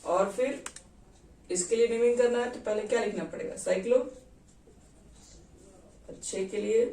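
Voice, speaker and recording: In a classroom lecture, a chemistry teacher with a medium-pitched, warm voice speaks slowly, quizzing students and counting carbon atoms one at a time. The recording has an echoey room, a distant mic, and faint noise.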